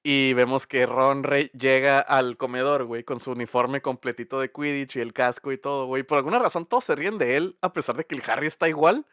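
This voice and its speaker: A man's voice: medium pitch, brisk, hardly any pauses, a bit bright, clean tone, no echo, clean studio sound. A young man with a Mexican accent, recapping a film in slangy, jokey casual chat. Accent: Mexican Spanish.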